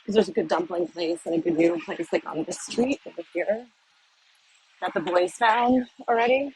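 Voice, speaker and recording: This is a casual outdoor walking vlog: a middle-aged woman from the United States wanders city streets, rambling as she thinks. She speaks at normal speed in a low voice with a breathy edge, and the low-quality recording picks up faint street noise.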